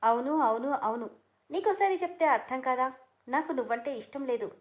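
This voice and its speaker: A woman's voice: a little high, brisk, a little mellow, natural voice. A woman reading the part of a stubborn, tearful young woman who speaks defiantly and sulkily. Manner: defiant, sulky.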